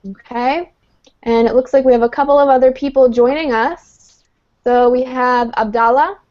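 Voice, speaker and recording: A woman's voice: sits high, fairly even intonation, moderate pace. A woman teaching an English class online, explaining patiently step by step with frequent "um"s. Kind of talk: live online lesson. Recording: dull lo-fi online call audio.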